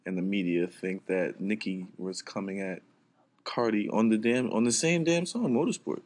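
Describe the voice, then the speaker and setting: A man's voice: on the low side, moderate pace, a little mellow. A young adult man co-hosting a casual podcast, easygoing and agreeable, often chiming in with "right.". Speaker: podcast co-host. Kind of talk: casual chat.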